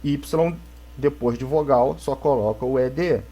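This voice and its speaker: A Brazilian man gives a remote English lesson to young students, speaking at a middle pitch. He explains step by step and keeps checking whether the kids understand. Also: measured pace, mellow. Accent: Brazilian Portuguese. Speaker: English teacher for children. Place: home, for a video lesson.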